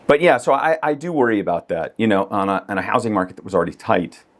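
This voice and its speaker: Middle-aged guy on a podcast, kinda low voice, loose chatty talk, laughs a lot. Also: animated, fast. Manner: conversational, laughs often, many fillers. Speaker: real estate agent guest. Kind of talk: casual podcast conversation.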